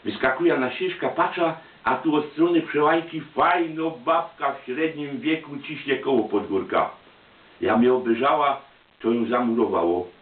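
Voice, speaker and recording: Silesian guy telling chatty stories in dialect, medium pitch, thin phone-like sound, roomy. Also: normal speed. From Silesia, Poland. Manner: chatty, colloquial. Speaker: storyteller, amateur photographer. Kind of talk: personal anecdote monologue in dialect. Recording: tinny, roomy, distant microphone.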